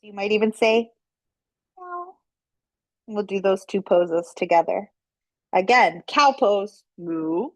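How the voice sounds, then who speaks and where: A woman yoga instructor gently guiding children and families through poses, with playful, encouraging cues. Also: medium pitch, measured pace, dry recording. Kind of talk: guided kids' yoga instruction.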